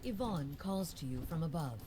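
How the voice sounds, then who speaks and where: A woman's voice: low-pitched, animated, normal speed. A woman giving dramatic, scripted narration as a solemn dungeon master in a fantasy video game.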